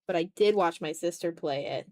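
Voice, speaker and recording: Her voice is lowish and a bit dark, at a moderate pace, with clean studio sound and no room echo. She's a twenty-something art streamer in a room at home, casually chatting and muttering while she draws, poking fun at herself and swearing in passing.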